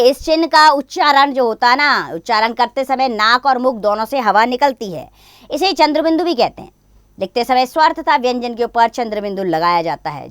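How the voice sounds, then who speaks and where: A woman teaching children a grammar lesson, explaining patiently and slowly, one example at a time. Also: a little high, a bit bright, dry recording.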